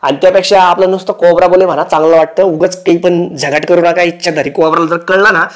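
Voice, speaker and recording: A man's voice: high voice, fairly even intonation, fast talker. A man hosting a comic roast, teasing and mocking the people in the clips he reacts to. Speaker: roast host.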